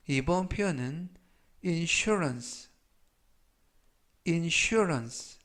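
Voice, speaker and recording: A man teaching English vocabulary, saying each word slowly several times and then explaining its meaning and usage. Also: on the high side. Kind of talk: vocabulary lesson with spelled-out pronunciation drills.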